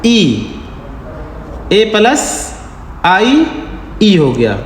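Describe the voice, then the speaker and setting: A man's voice: high-pitched, huge pitch swings, very slow. A man teaching a beginners' Quran reading class step by step, repeating sounds and asking rhetorical questions. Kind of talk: slow step-by-step lesson. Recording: echoey room with long reverb, faint hiss.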